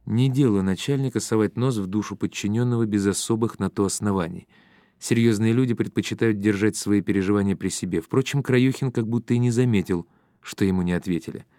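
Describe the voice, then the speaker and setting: A man narrates a novel in a low, steady voice with a measured pace. The recording is close and dry, with no room sound at all. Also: no room sound. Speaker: audiobook narrator. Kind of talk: scripted narration.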